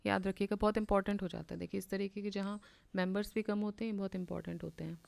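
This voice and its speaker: An Indian woman teaches an exam revision class on current affairs, her voice carrying a gravelly creak. She reads English passages at a measured pace, then breaks them down in Hindi and drills the key facts for her students. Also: medium pitch, steady tone, darkish tone. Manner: reads English text slowly, explains in Hindi; repeats key points, addresses students directly.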